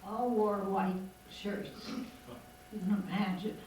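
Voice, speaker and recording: Older lady slowly pointing out people in an old family film, super echoey, noisy recording. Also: mid-range voice, fairly even intonation. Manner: unhurried, pointing people out by name. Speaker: family member narrating old home movie. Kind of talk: casual reminiscing commentary. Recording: very echoey, distant, loud background noise.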